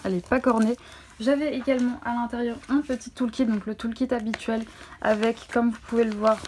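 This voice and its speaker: A woman's voice: fairly high pitch, a little mellow, a little hiss or hum. A woman from France chatting enthusiastically to camera while unboxing a craft kit, with many fillers, filmed on a phone. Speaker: vlogger unboxing a diamond painting kit. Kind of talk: casual unboxing chat to camera.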